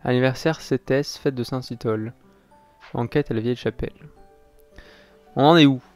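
A man's voice: mid-range voice, moderate pace, a little mellow. A man giving casual, chatty commentary while he plays a video game, muttering and correcting himself as he goes. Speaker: gaming video host. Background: faint game music.

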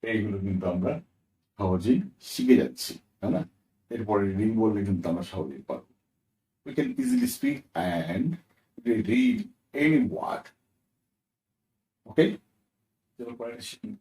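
Man, low mellow voice, pronunciation teacher, spells words letter by letter, echoey room. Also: expressive, recorded from a distance. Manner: repeats words slowly, asks "right?" often. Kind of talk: explaining a lesson, spelling out words.

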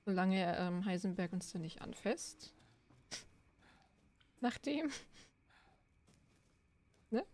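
A woman's voice: medium pitch, animated, slow pace, pauses often, darkish tone. A young woman commenting playfully while playing a video game, reading game text aloud. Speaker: gaming streamer. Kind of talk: let's play commentary.

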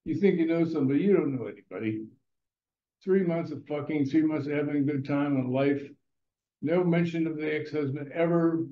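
Talking fairly quickly in a fairly high voice, an older man spins loose, rambling stories, blunt and full of profanity. Faint music plays in an echoey room, and the sound is a bit dull.

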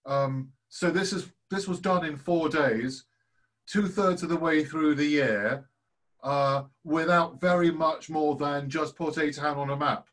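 A man's voice: a little high, measured pace, a bit bright. Enthusiastic male host of a video call. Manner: enthusiastic, effusive. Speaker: host, course leader. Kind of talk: hosting an online session.

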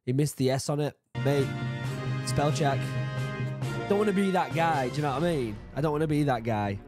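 Reacting to a video from his bookshelf-lined room at home, a thirtysomething man with a sore throat talks casually in a somewhat high voice at normal speed. He's jokey and chatty and laughs at himself, while loud music plays behind him. He uses a boom-arm studio mic and headphones.

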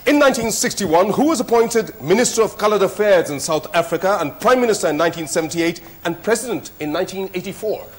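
A middle-aged man hosting a TV quiz show, speaking in a formal, measured way with clear diction. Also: sits high, expressive. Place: TV studio set. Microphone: lapel mic.

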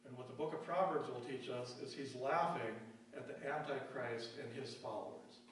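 A man preaching a sermon as pastor, asking rhetorical questions and reading verses aloud in a slow, deliberate cadence. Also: mid-range voice. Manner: emphatic preaching, rhetorical questions answered with slow drops in volume. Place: church sanctuary. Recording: very echoey church, distant mic, faint hum.

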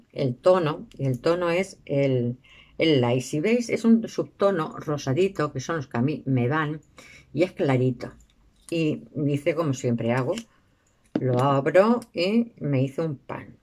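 A chatty woman talks straight to her camera about budget finds. She rambles warmly through fillers and asides, calling her viewers girls. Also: a bass voice. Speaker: beauty and shopping vlogger. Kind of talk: casual product review.

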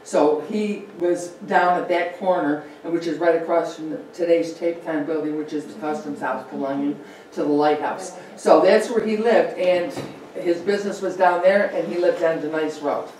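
A deep, darkish female voice at normal speed leads a chatty local history talk over slides, with fillers and asides. The far room mic in the meeting room with a projector leaves the recording very echoey, plus a little hiss or hum.

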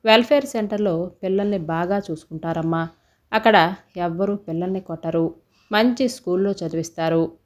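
A woman voicing a worried grandmother in a storybook, talking softly and comfortingly. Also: fairly low pitch, normal speed, natural voice. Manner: soft, coaxing, comforting. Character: gentle grandmother, soothing and worried.

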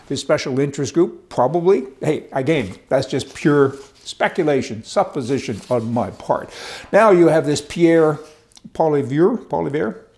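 Reading from papers in front of a wooden studio backdrop, an older man talks to camera on his political commentary show, his delivery chatty and sarcastic. The voice sits on the high side with a somewhat dark tone.

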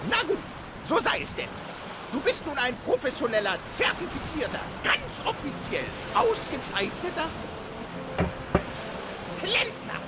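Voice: high-pitched, wildly swooping pitch, measured pace, long pauses, exaggerated voice. An actor playing a small, mischievous and grumpy male leprechaun in a video game, theatrical and taunting. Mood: gleeful mocking. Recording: loud game ambience noise.

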